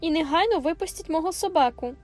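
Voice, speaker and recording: A woman's voice: sits high, expressive, moderate pace, darkish tone, soft background music, voice pushed up. A woman voicing a spoiled, bossy young girl in an audiobook, imperious and indignant. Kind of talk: audiobook character voice.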